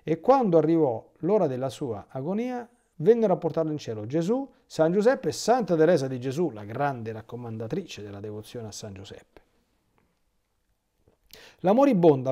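An Italian priest delivers a catechesis talk in a fairly high-pitched voice. He reads from a prepared text but keeps breaking away into lively, spontaneous asides.

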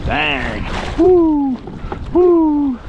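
A middle-aged man commenting casually to himself while fishing from a kayak outdoors, with excited exclamations. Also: extremely high pitch, extremely slow. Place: kayak on open bay, outdoors. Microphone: action camera. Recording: muffled action cam, loud wind.

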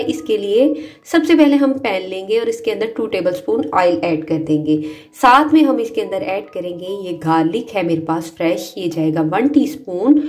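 A woman hosting a cooking channel, narrating a recipe step by step. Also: medium pitch. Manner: steady instructional narration. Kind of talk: recipe voice-over.

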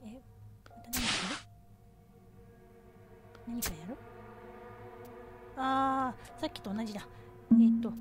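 A woman's voice: on the high side, fairly even intonation, slow pace, long pauses, music in the background. A woman from Japan streaming a horror game, thinking aloud to herself, nervous and easily startled. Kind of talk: casual horror game let's play commentary.

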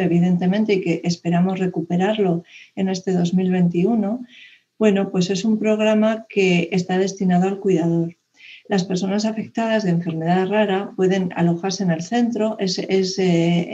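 A woman's voice: lowish voice, warm tone. Woman from on a dull video call. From Spain. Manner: hesitant, many fillers and restarts. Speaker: conference speaker. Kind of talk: online presentation talk. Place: room indoors, video call.

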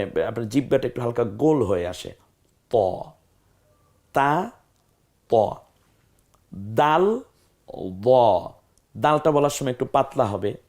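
A man teaching a Quran pronunciation lesson, explaining and slowly demonstrating each letter sound and repeating drills. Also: mid-range voice, a little mellow.

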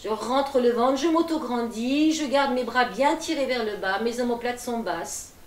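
A middle-aged woman leading a gentle seated exercise class from her attic room at home, with calm, encouraging and folksy cues. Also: a little high, normal speed, slight background noise. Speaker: gentle gym instructor. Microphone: far camera. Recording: echoey room from far off.

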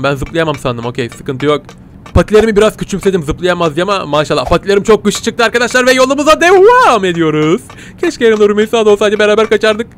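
A man giving playful, excitable let's-play commentary, chatting to his viewers and yelping at every surprise. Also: high-pitched, a little hiss or hum. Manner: excitable, yelps and squeals at surprises, talks to viewers as "kitties". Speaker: gaming channel host.

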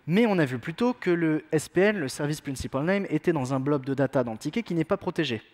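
A man's voice: on the high side, animated, quick pace, a little mellow. A man giving a technical conference talk in a self-mocking, joking way, with many fillers. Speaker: conference speaker.

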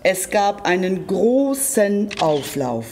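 A storyteller reads a children's tale aloud, speaking directly to young listeners in an expressive, deliberate way. The voice sits in the mid range, with a sing-song lilt and a slightly mellow quality.

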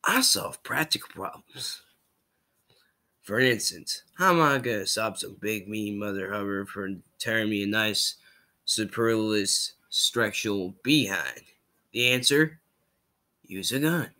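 A man's voice: on the low side, unhurried, bright, forceful tone, pitched below the performer's own voice. A man doing a drawling Southern engineer. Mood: drawling, smug. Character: drawling Southern mechanic engineer, practical and cocky.

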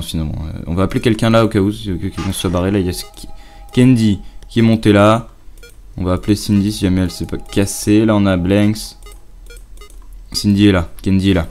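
A young man giving casual, halting let's play commentary, muttering to himself as he plays. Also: low voice, a little mellow. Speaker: gamer commenting on own play.

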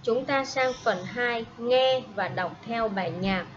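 Slow patient teacher, woman. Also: a little high. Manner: patient, speaks slowly and repeats each word for pupils. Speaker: primary school English teacher. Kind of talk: slow classroom instruction with repeat-after-me drills. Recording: dull lo-fi audio with faint noise.

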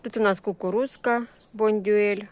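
A woman casually shows her vegetable garden and greenhouse on an unscripted walk, speaking in short, homely phrases full of diminutives. Her Ukrainian accent comes with Russian-influenced surzhyk words. Her mid-range voice is a little mellow, with fairly even intonation at normal speed.

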